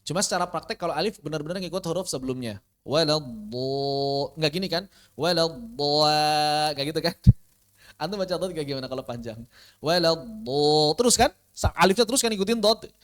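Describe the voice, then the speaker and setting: A Quran recitation teacher giving an online tajwid lesson, asking rhetorical questions, answering them, and slowly sounding out Arabic letters as examples. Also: medium pitch, animated. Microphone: online class recording.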